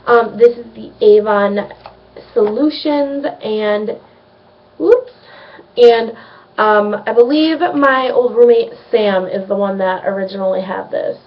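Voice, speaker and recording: An American beauty vlogger, a young woman, rambles casually through a skincare video with plenty of ums. She has a slight cold and sounds sniffly, her voice a little high. The mic is distant and the recording muffled.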